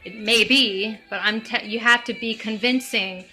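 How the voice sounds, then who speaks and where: A woman's voice: on the high side, steady tone, normal speed, sharp tone, soft background music. A woman rambling through a comedic tutorial, acting out mock-dramatic examples. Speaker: comic character giving a tutorial. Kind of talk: improvised comedic monologue.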